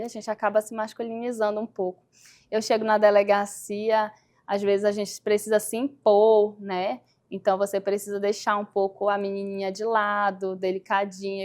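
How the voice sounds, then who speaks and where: A woman's voice: mid-range voice, darkish tone. Blunt Brazilian woman lawyer telling stories. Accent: Brazilian Portuguese. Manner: firm, blunt storytelling with acted-out quotes. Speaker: lawyer guest. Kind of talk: casual interview talk.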